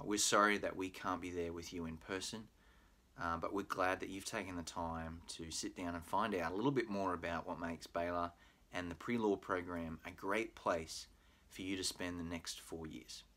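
A deep-voiced Australian man calmly explains things at normal speed, friendly and full of "uh" fillers. He is a pre-law program manager giving a recorded admissions presentation from an indoor home room with a bookshelf.

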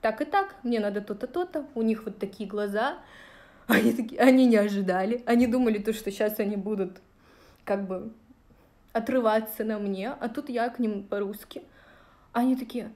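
A Russian woman in her thirties, a vlogger answering viewer questions, chats casually and directly on a livestream with plenty of fillers. Her voice is a little high and darkish in tone at a normal speed. She records on a phone held at arm's length in a small room.

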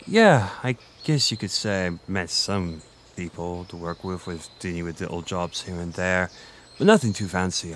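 In an intimate, conversational roleplay audio, a man plays a flirty, gentle Irish innkeeper with a teasing, self-deprecating manner. His voice is low and natural.

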